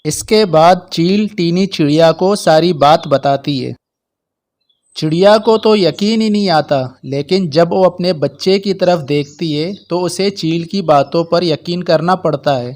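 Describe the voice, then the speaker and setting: A man tells a children's cartoon story in calm, steady narration. His pace is unhurried and his voice sits fairly high for a man.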